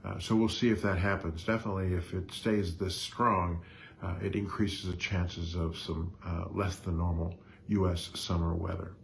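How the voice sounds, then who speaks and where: Male market commentator, deep voice, hesitant stop-and-start delivery, some background noise. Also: flat delivery, vocal fry. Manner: halting, hesitant delivery with frequent pauses.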